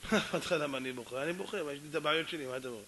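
Man voicing fed-up husband, brushing people off, high bright voice. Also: slight background noise. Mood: irritated. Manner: irritated, brushing off. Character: weeping exasperated young husband.

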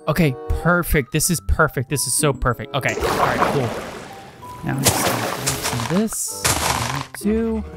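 A man giving casual gameplay commentary as a gaming video host, excitable and quick to exclaim and laugh. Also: a little high. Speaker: gaming YouTuber.

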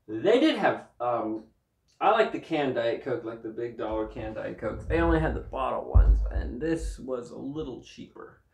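A man's voice: medium pitch, animated, normal speed, gravelly, darkish tone, recorded from a distance. A man chatting casually in a vlog from his bedroom, rambling between topics and talking while he eats. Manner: rambling, talks while eating. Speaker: vlogger. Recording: roomy echo, a little off-mic.

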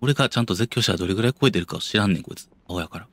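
A man's voice: lowish voice, very fast, slight background noise. A young man with a Kansai accent, commenting on a horror game as a streamer, muttering to himself and yelping when startled. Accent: Kansai Japanese. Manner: jumpy, yelps and mutters to himself, talks himself down.

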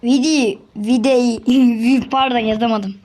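A woman giving casual gameplay commentary for her channel, excitable and chatty, often repeating words as she talks to other players. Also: on the high side, slow, a little hiss or hum. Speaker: gaming channel host.

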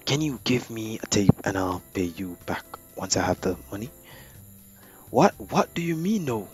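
A man's voice: lowish voice, sing-song, moderate pace, a little mellow, slightly rough, faint music behind, heavily acted. A man voicing a rude young male customer who pushes for a free tape and turns threatening. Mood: pushy. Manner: pushy, dismissive.

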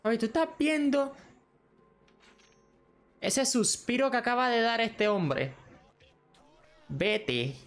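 A man giving casual reaction commentary, excitable and teasing the characters on screen. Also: very high voice, slow, pauses often. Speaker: anime reaction channel host.

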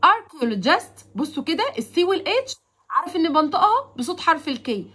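A woman with an Egyptian Arabic accent teaching a vocabulary lesson to children. She stretches English words out slowly, repeats them for pupils to follow, then explains quickly. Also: very high voice, very animated, a bit bright. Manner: slow, drawn-out English words, fast chatty explanations.

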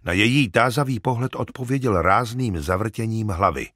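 Man, audiobook narration, low husky voice, very animated delivery, dry close recording. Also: no echo. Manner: dramatic, expressive storytelling.

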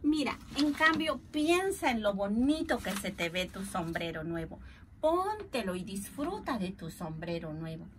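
A woman's voice: mid-range voice, unhurried, voice pushed down. A woman voicing Ambrosia, a caring young woman who asks and comforts in a storybook reading. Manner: caring, questioning. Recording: steady background noise.

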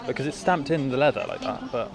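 A man's voice: medium pitch, quick pace, creaky, crowd noise. A man chatting earnestly while walking through an outdoor street market, often sounding surprised. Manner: earnest, surprised, lively intonation. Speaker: travel vlogger. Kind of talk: casual chat while walking. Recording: loud outdoor noise behind.

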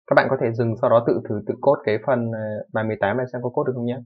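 A young man with a medium-pitched, steady voice teaches programming in a screen-recorded coding tutorial. He explains quickly and informally, correcting himself as he goes and often checking in with "đúng không." The microphone is dull and lo-fi.

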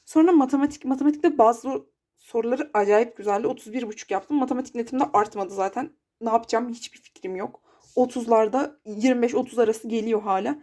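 A woman's voice: a little high, warm tone. A young woman talking casually in a study vlog, chatty and frustrated with herself. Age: young adult. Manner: chatty, frustrated, self-deprecating. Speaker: exam student vlogger.

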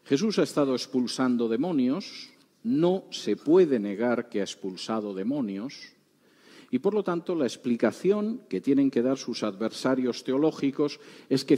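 A man in his sixties from Spain with a Spanish accent teaches the Bible and retells its scenes in lively everyday speech. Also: mid-range voice. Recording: reverberant hall.

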